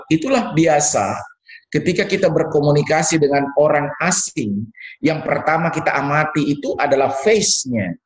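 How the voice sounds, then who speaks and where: A man's voice: fairly high pitch, roomy sound, poor audio. A man, lecturing students in a conversational way, repeating words and answering his own questions. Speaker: university lecturer.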